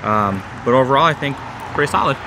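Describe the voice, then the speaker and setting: A man's voice: mid-range voice, lively intonation, fast, noisy background. A man casually reviewing his meal in a diner, thinking aloud with plenty of ums and uhs. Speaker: restaurant reviewer. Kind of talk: casual food review vlog.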